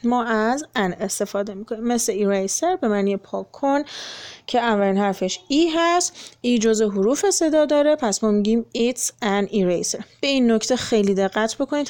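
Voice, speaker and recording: A woman's voice: on the high side, darkish tone. A young woman teacher going through an English textbook lesson for children, explaining each step patiently and translating every phrase. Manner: patient, explains then translates, many fillers.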